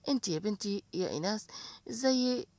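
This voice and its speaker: A sharp-tongued middle-aged stepmother, read by a woman with an Egyptian accent, scornful and bickering in a storybook scene. She talks fast, close and dry. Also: mid-range voice, animated, no echo, natural voice.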